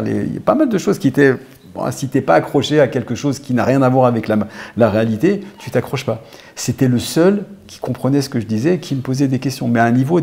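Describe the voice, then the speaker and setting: A man's voice: medium pitch, creaky, mellow. A middle-aged man, father of a fallen soldier, recalls his son in a thoughtful, searching way. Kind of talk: reflective personal recollection.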